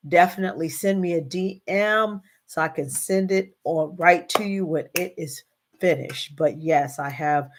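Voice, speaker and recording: A woman's voice: fairly low pitch, slight background noise. A middle-aged woman hosting a live stream, chatting casually and greeting viewers by name, with many fillers. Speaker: host of a live stream show.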